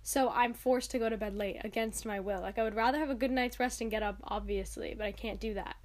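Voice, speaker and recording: A young woman with a slightly high, stuffy-nosed voice hosts a casual solo podcast. She sounds tired and congested. Her talk is informal and rambling, with plenty of emphasis. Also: steady tone, quick pace. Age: young adult. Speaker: podcast host.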